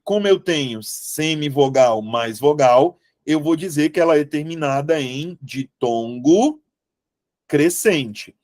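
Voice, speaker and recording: There's no room sound in this studio-quality clip of a young man with a high-leaning voice. Teaching Portuguese grammar ahead of an exam, he's animated and persuasive, pausing often to check in with his class.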